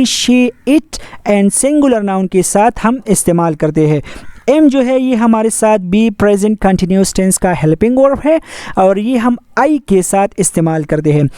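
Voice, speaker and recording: A man's voice: sits high, dark tone, clean tone, no echo, studio quality. A man teaching English grammar, explaining rules step by step in a repetitive, methodical way. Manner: repetitive, methodical, mixes English terms into Hindi-Urdu.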